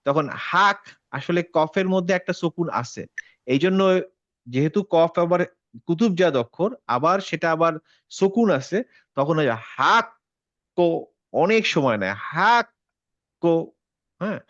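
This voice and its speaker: A man's voice: fairly high pitch, expressive, fairly bright tone, dry recording, muffled recording. Patient male teacher drilling pronunciation. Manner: patient, repeats words slowly to drill pronunciation. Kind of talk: online Quran recitation class.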